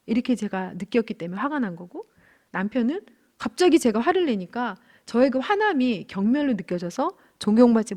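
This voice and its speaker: Brief: woman in her thirties, slightly high voice, church marriage-class teacher, earnest and candid, lively when retelling arguments. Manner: earnest, candid storytelling with animated quoted outbursts. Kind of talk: church lecture with personal stories.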